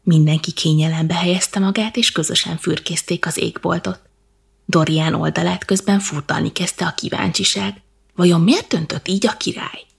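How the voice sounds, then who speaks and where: A woman reading a bedtime story in a soft, slow, half-whispered manner. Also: fairly low pitch, fairly even intonation, vocal fry, breathy edge.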